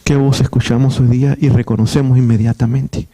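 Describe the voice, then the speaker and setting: Mellow-voiced pastor preaching a sermon. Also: male voice, medium pitch, flat delivery, fairly quick. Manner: earnest, repeats phrases, restarts words.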